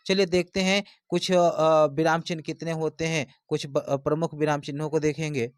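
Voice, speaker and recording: A man's voice: fairly high pitch, flat delivery, moderate pace, clean tone, no room sound. A man teaching an exam-prep lesson, explaining step by step and repeating his points.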